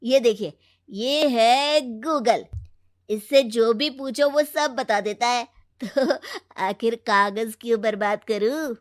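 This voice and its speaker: A woman's voice: fairly high pitch, slow. A woman voicing a cocky twenty-year-old young man hooked on his phone, breezy and dismissive. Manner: breezy and dismissive, whiny when upset.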